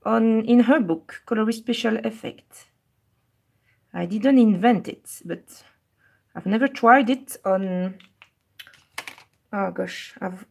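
Husky-voiced woman coloring live. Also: a little high. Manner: switches between French and English, repeating each step; soft, murmured while concentrating on coloring. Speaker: live coloring stream host. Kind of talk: bilingual live coloring tutorial, reading chat.

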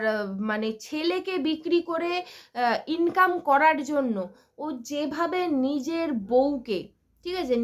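Woman, high voice, vlogger, casual commentary, blunt, scornful, chatty fillers. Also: fairly bright tone. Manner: blunt, scornful ranting with crude insults; chatty, many fillers and check-ins.

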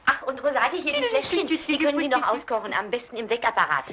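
A woman's voice: sits high, animated, quick pace, sharp tone, a little hiss or hum. A woman dubbing a doting middle-aged wife and new grandmother in a German film, fussing and cooing.

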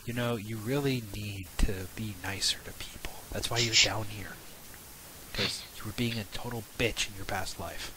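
A man voicing a scolding angel inside someone's head, in hushed, breathy ASMR role-play. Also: lowish voice, moderate pace, few pauses, pitched below the performer's own voice, rough recording.

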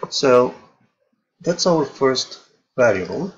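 A man calmly explaining software settings step by step, thinking aloud as he goes, in a tutorial voice-over. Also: mid-range voice, slow pace, dull audio. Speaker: instructor.

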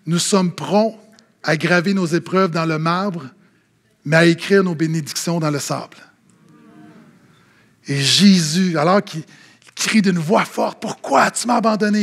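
A man with a Québécois French accent, preaching a sermon as pastor and telling funny anecdotes, acting out the people he quotes. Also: on the high side. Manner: animated storytelling, acting out quoted voices.

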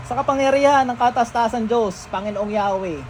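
A faith healer, sternly questioning a patient and murmuring ritual chants during a healing session at home. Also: male voice, very high voice, brisk, slight background noise.

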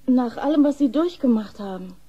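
An actress playing a shy, flustered young nurse, hesitant and polite, with a soft breathy voice in a German horror radio play. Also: female voice, a little high, animated, normal speed, muffled recording. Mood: polite, reserved.

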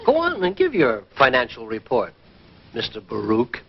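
An actor playing a sulky, stubborn, blustering American husband in a mid-century radio comedy. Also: male voice, mid-range voice, wildly swooping pitch, normal speed. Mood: grumbling, objecting. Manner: indignant, stammering bluster. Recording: dull, faintly noisy vintage radio recording.

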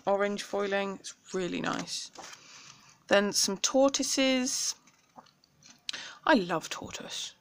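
A woman's voice: mid-range voice, fairly bright tone. Chatty young British woman showing a craft haul. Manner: chatty and enthusiastic, with frequent ums. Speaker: craft vlogger. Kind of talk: casual craft haul show-and-tell.

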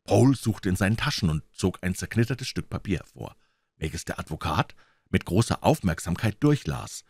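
A man reading a classic novel aloud as an audiobook narrator, in an expressive, dramatic way. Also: low voice, normal speed, breathy edge, no echo.

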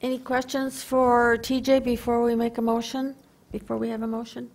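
A woman with an Upper Midwest American accent chairing a city council meeting in a brisk, procedural way. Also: a little high, little pitch movement, a little mellow.

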